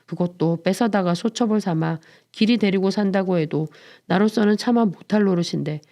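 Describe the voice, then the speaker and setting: A woman voicing a dignified, gruff old man in his seventies who is grieving, in a dramatized book reading. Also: mid-range voice, a little fast, warm tone, lightly acted. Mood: aggrieved. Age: older. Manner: curt, gruff, lamenting.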